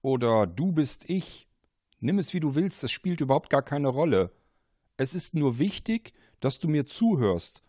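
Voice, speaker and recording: A man's voice: on the high side, very animated, measured pace, a little mellow, no room sound, studio quality, pitched above the performer's own voice. A man voicing a mysterious male caller who urgently warns of danger, pressing and commanding. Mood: insistent.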